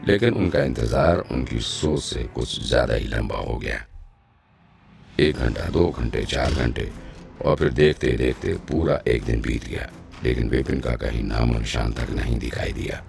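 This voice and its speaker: A man's voice: a bass voice, a little slow, creaky, darkish tone, faint music behind. A man narrating a story recap in a dramatic way with teasing asides.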